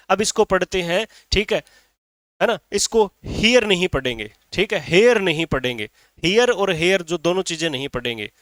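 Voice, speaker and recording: A man's voice: on the high side, fairly bright tone, dry recording, studio quality. A man teaching a grammar lesson in Hindi, who keeps saying "ठीक है" and asks and answers his own questions.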